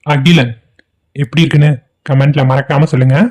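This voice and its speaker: A man introducing his cartoon channel's story, fast and mellow. He speaks to viewers directly and casually. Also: medium pitch, level tone. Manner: friendly, addresses viewers. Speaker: channel narrator.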